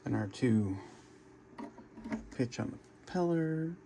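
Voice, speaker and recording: A man casually shows off his home flight sim cockpit, rambling with lots of fillers and restarting his sentences. He speaks slowly and expressively at a medium pitch, with vocal fry and background noise.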